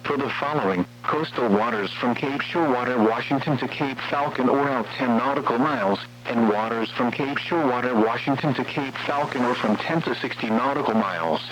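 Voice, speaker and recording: A text-to-speech male voice, mid-range and a bit bright, with an American accent, reads weather warning bulletins formally over the radio. Its pace is measured and its tone impersonal. A faint hum sits under the muffled, lo-fi audio.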